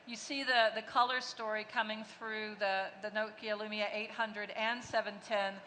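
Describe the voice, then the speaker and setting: A woman's voice: medium pitch, level tone, normal speed, bright, forceful tone. A woman executive answering questions on a conference panel, fluent but restarting her phrases often. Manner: fluent, with frequent restarts and fillers. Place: large conference hall. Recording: long hall reverb, faint noise.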